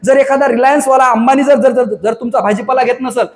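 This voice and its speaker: A man's voice: extremely high pitch, steady tone, fast. A man giving an impassioned, ranting monologue full of rhetorical questions, as a coaching class owner. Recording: echoey room with long reverb.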